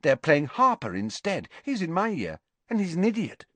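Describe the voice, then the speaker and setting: A man's voice: fairly high pitch, wildly swooping pitch, normal speed, a bit bright, no room sound, pitched above the performer's own voice, heavily acted. A man reading aloud and voicing a chirpy, eager teenage schoolgirl with a raised voice. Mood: bright eager. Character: bright, gossipy teenage schoolgirl athlete.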